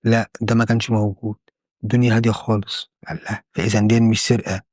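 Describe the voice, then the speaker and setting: A man's voice: lowish voice, flat delivery, fast, darkish tone, no room sound, clean studio sound. A man with an Egyptian Arabic accent telling a true crime story in a conversational way, often repeating and restarting his phrases.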